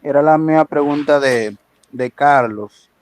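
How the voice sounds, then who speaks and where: A man's voice: on the high side, measured pace, no room sound. Guy on a video class fumbling through a question, dry sound. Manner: hesitant, repeats himself. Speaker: graduate student. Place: video call meeting.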